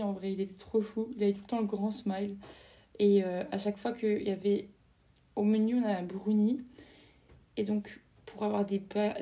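Young woman, from France, casual solo podcast, rambling with fillers, gravelly fry, flat delivery. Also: mid-range voice. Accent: French. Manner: chatty, rambling, with many fillers and self-corrections. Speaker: podcast host.

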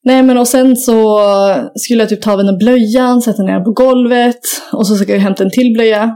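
A woman's voice: on the high side, steady tone, warm tone. A young woman in casual chat, telling a rambling story full of fillers and casual swearing. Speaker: podcast co-host.

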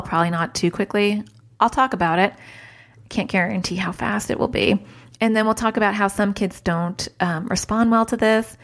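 Chatty woman hosting a parenting podcast. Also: medium pitch. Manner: chatty, wanders off track, lots of "like" and "super". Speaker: podcast host, child therapist. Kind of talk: casual solo podcast advice.

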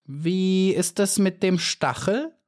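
A croaky old spider lady from a storybook, sly and scheming, as a man narrator puts her on. She speaks in a raised, croaking voice with false politeness. Her tone turns mocking. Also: sits high, slow, pitched above the performer's own voice.

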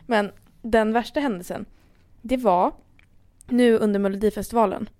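A young woman from Sweden, co-hosting a podcast and telling an embarrassing story in casual, animated chat. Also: mid-range voice. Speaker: podcast co-host.

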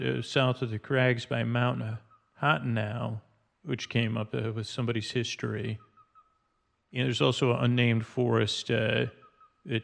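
A podcast host with a gravelly, medium-pitched voice rambles haltingly over a music bed and sound effects. His unscripted narration meanders through descriptions of game maps and artwork, and he spells out odd words.

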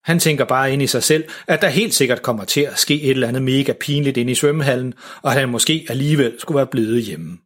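A man narrating a children's story in an even, gentle way, with a husky voice. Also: medium pitch, few pauses.

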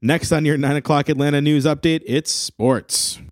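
A man's voice: on the high side, fairly even intonation, moderate pace, background noise, lightly acted. A man playing a polished, grave local TV news anchor, grandly formal, in a parody newscast.

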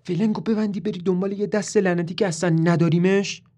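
A man voicing a sharp-tongued young woman who mocks and bickers, often in a hissed whisper. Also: high-pitched, steady tone, pitched above the performer's own voice. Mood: scolding.

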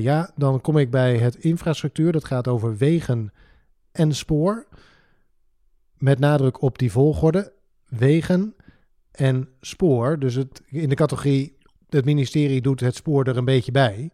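A man's voice: medium pitch, dark tone, no echo, clean studio sound. A man co-hosting a podcast, chatting casually and playfully, often laughing. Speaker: podcast co-host.

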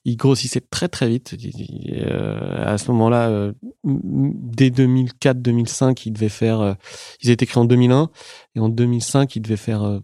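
A middle-aged man recounts his early business days in a relaxed, mellow voice. He talks haltingly, full of fillers and restarts. The sound is dry and close. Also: mid-range voice, creaky, dry recording. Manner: hesitant, many fillers and restarts. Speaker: entrepreneur guest. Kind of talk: casual interview storytelling.

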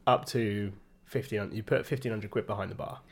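A man's voice: lowish voice, steady tone, moderate pace, gravelly, slightly rough. A young man co-hosting a podcast, telling stories in a dry, understated, casual way. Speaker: podcast co-host. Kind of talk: casual chat.

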